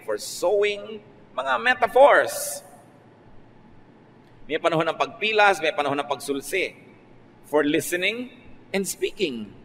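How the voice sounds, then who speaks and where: A man with a Filipino accent, a pastor giving a conversational radio sermon that mixes Filipino and English, with sudden lively rises in pitch. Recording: faint noise, long reverb.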